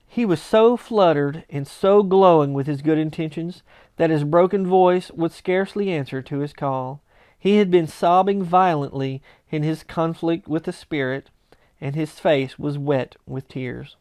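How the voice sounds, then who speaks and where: A man reading a classic story aloud as narrator, with expressive, theatrical and emphatic delivery. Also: a little high, a little slow, clear, resonant tone, dry recording, studio quality. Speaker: narrator, audiobook reader.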